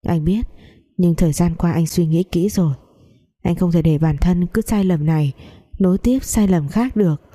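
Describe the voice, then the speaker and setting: A woman voicing a guilt-ridden young man who speaks softly and slowly to calm his lover. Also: lowish voice, close to an everyday voice. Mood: remorseful.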